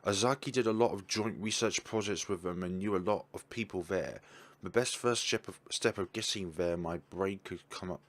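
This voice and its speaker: His voice is low with a touch of brightness as he works through a visual novel's text, tripping over lines, fixing them, and dropping casual asides about the game.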